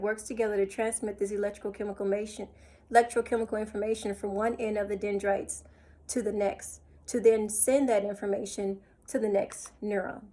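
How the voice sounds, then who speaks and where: Woman teaching a slide lecture, average pitch, lots of uh and restarts, goes over things twice. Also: a little mellow. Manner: explains step by step, repeats points, many fillers and restarts.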